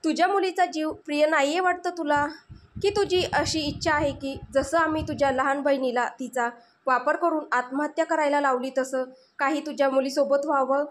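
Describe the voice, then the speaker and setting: A woman's voice: sits high, steady tone, brisk, a little hiss or hum, close to an everyday voice. A woman reading the lines of a cruel male villain who makes sneering threats. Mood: sneering menace. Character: menacing grown man, cruel gang villain.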